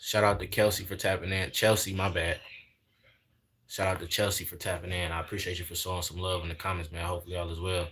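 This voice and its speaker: A man's voice: deep voice, little pitch movement, fast, a bit bright. A man in his twenties chatting casually on a livestream, preaching in a repetitive way and sprinkling in "man" and "y'all". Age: 20s. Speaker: livestream host.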